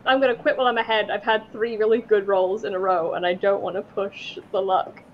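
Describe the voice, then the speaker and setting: A woman's voice: medium pitch, steady tone, fairly quick. A woman playing a tabletop game, chatting casually in a playful, joking manner. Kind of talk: casual chat during game play. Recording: dull, slightly noisy room recording.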